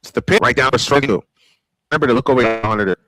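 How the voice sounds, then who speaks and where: An American play-by-play sportscaster talks fast in a mid-range voice with a bright, forceful tone. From a small home-style studio, he calls baseball live in an old-school broadcast manner, sprinkling in casual asides, on a dry recording.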